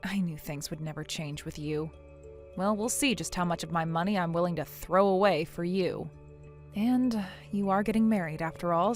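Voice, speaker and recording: Younger sister, weary and unimpressed, medium-pitched, curt and guarded played by a woman, scripted story drama. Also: lightly acted. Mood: dry. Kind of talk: scripted audio story dialogue.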